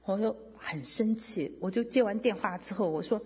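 Middle-aged woman, testimony speaker; husky, animated delivery, long hall echo. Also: medium pitch, normal speed. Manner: emotional, animated storytelling with quoted dialogue. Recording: dull lo-fi sound with long hall reverb.

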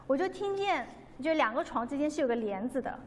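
A woman's voice: high-pitched, expressive, a little fast. A woman giving an earnest, devout personal testimony, telling the story and acting out the dialogue. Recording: long reverb, faint background noise.

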